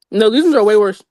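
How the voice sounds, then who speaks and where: A woman's voice: high-pitched, dry recording, clean studio sound. A young woman chatting casually with friends, telling gossipy stories full of slang and asides. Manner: animated, gossipy storytelling with slang. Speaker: storyteller among friends. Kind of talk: casual chat.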